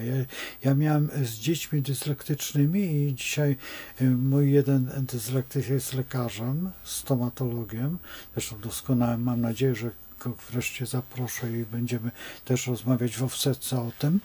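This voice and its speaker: Husky, mellow-voiced male astrologer. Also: mid-range voice, steady tone, measured pace. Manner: rambling, digressive storytelling. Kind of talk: unscripted monologue.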